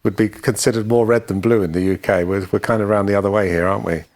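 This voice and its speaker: A man's voice: lowish voice, fairly even intonation, fast, darkish tone. A man co-hosting a podcast, telling band anecdotes in a dry, matter-of-fact way. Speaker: podcast co-host and musician. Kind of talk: casual storytelling chat.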